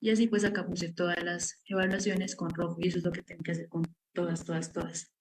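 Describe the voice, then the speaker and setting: A woman's voice: fairly low pitch, little pitch movement, fast, low-quality recording. Woman explaining her research method. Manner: explanatory, walks through steps with frequent "pues" fillers. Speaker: researcher presenting her study. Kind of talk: academic seminar presentation.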